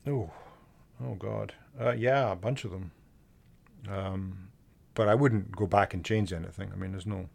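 A Scottish man talking loosely in a casual podcast chat, wandering through his thoughts with plenty of ums and false starts. His voice sits low and has a gravelly, creaky edge. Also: measured pace, pauses often. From Scotland. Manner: rambling, hesitant, many fillers and restarts. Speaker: comic artist and podcast co-host.

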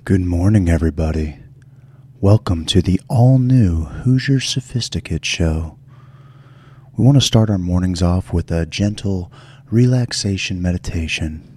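A man hosting a guided relaxation meditation in a soft, soothing, gentle delivery. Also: deep voice, a little slow, slightly rough. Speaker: show host.

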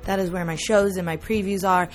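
A woman's voice: on the low side, steady tone, fairly quick, faint music behind. A woman in her thirties hosting a podcast, chatty and laughing often. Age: 30s. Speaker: podcast host. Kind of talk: casual interview chat.

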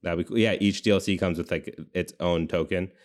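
Speaking a little fast with fairly even intonation, this low-voiced young podcast co-host brainstorms casually. His talk rambles from idea to idea, packed with "like."

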